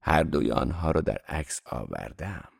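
A man's voice: very deep voice, sing-song, vocal fry, slightly rough, no room sound, studio quality, pitched below the performer's own voice, full character voice. A man voicing a meek, eager middle-aged photographer, speaking in a subdued way. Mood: earnest.

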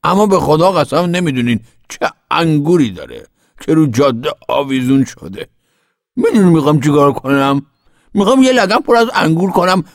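A man's voice: on the high side, no room sound, studio quality. An actor playing a cantankerous, foul-mouthed, mischievous old grandfather in a radio drama. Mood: teasing. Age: older. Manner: grumbling, foul-mouthed, boastful.

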